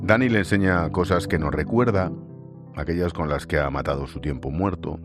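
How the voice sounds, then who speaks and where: Very deep-voiced man narrating over music. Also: moderate pace. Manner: informal with guest, calls him macho and tío. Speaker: radio host. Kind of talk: scripted narration and interview.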